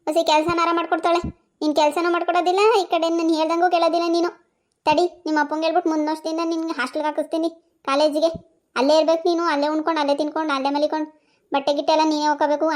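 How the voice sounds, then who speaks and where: A bossy village mother in a cartoon scolds her family in rapid, shrill bursts, voiced by a woman. Her voice sits extremely high and races along. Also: flat delivery, close to an everyday voice. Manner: shrill, nagging, quick scolding.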